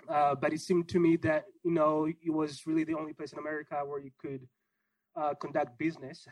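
Casting note: young adult man, raised in Israel, fairly high voice, dry close mic, easygoing and rambly. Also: no room sound, rough recording. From Congo, raised in Israel. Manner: relaxed, rambling with many fillers. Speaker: gallery owner guest. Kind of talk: casual interview answer.

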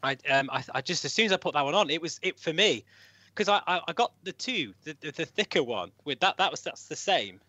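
A man with a bright, somewhat raised voice chats as a podcast guest, his pitch jumping around a lot as he gets worked up. The sound is dry and close, with no room around it. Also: a little fast, dry recording. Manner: animated, laughs easily. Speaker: guest co-host. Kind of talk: casual podcast chat.

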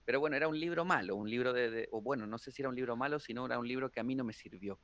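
A man's voice: medium pitch, racing, no echo. Man telling stories. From Argentina. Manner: animated storyteller, playful, slips into impressions. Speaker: guest, tarot reader. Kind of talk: casual interview chat.

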